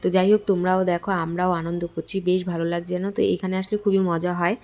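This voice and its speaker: A young woman vlogger chatting casually to her viewers, speaking softly and sounding sleepy. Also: fairly low pitch, level tone, racing. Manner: chatty, addresses viewers directly. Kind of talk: casual family vlog. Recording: noisy home recording.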